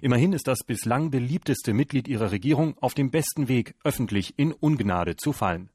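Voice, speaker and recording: A man narrating a television news report in a measured, scripted way. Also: mid-range voice, expressive, darkish tone, husky, dry recording, studio quality.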